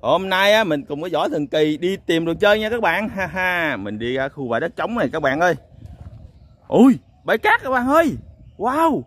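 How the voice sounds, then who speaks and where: Excitable high-voiced man. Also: moderate pace. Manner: exclaims "wow" often, chuckles, addresses viewers. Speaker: toy vlogger. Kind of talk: excited toy-hunting vlog. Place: outdoors on a sandy lot.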